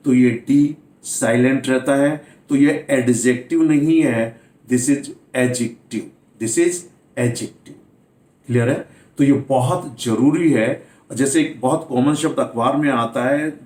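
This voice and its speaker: A man's voice: medium pitch, darkish tone, roomy sound. A man teaching English pronunciation in a video class, speaking Hindi mixed with English words and spelling words out letter by letter. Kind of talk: classroom-style video lesson.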